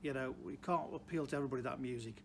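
A man in his sixties with a Potteries accent, from Stoke-on-Trent, England, races along in a mid-range voice as he gives unscripted, plain advice to camera in his role as a car dealer, punctuated by emphatic repeated phrases. He is recorded in a large indoor car showroom with clear ambient background noise.

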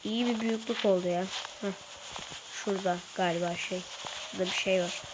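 A woman talks her viewers through a game in a chatty, casual way, slightly ill. Her voice sits at a middling pitch. A clear hiss of noise runs under the recording. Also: fairly even intonation, fairly quick. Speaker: gaming YouTuber. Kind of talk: casual gameplay commentary.

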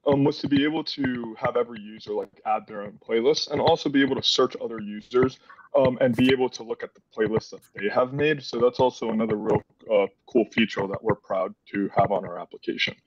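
A man's voice: mid-range voice, brisk, dry recording. A man in his twenties from the Dominican Republic, presenting a student project on a video call in a casual way, with lots of "like" fillers. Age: 20s. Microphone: headset on a video call. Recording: dull, distant video call audio.

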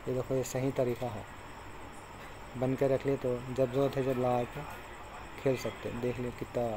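A man speaks at a moderate pace in a medium-pitched voice with little pitch movement. He's a fishing tutorial maker casually talking through hook tying step by step as he works, plain and instructive while he ties knots. The recording is clear, with insect noise behind him.

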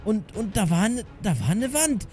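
A man's voice: high voice, big pitch swings, moderate pace, warm tone, slight background noise. A man hosting and acting in a Minecraft role-play film, urgently directing his friends and talking to his viewers. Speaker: YouTuber and narrator.

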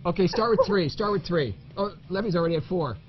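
A man hosting a casual party game, joking and energetic. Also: high voice, fast, highs cut off. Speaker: host.

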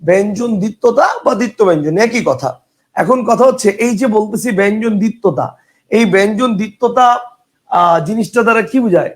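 A man's voice: high voice, moderate pace. A man teaching a grammar lesson for exam preparation, explaining patiently, repeating examples and checking that his students follow. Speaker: exam-prep grammar tutor. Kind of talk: online lecture.

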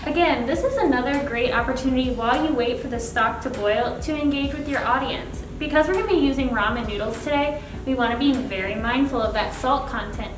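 A young woman offering friendly coaching tips during a cooking demonstration. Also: high-pitched. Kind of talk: instructional cooking demo. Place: demo kitchen set, indoors. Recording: roomy distant mic with music.

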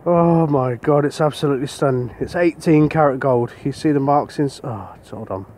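A British man, a metal detectorist, giving casual commentary to the camera outdoors on a beach as he digs up each find and gets excited about it. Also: medium pitch, moderate pace, slight background noise.

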